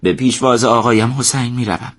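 A man voicing an earnest, determined young man who speaks with quiet urgency. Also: medium pitch, level tone, close to an everyday voice.

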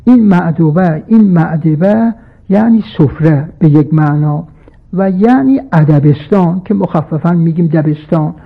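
Male preacher, high gravelly voice, formal sermon delivery with quoted scripture, thin phone-like radio sound. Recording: tinny phone-like radio broadcast.

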